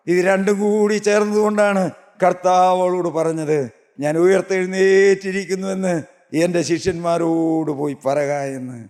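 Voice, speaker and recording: A male preacher with a high voice delivers a fiery sermon. he swells toward a near-shout and then sinks to hushed, slowed passages, peppering everything with repeated praise. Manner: impassioned, builds to near shouting, frequent interjections of praise; drops to soft, slow, hushed delivery in tender passages.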